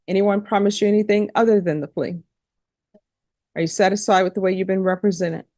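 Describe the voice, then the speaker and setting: Her mid-range voice is warm and fairly even, moving fairly quickly as she presides over a court hearing as judge. She questions people formally and procedurally, spelling out names, and the recording is dry and studio-clean.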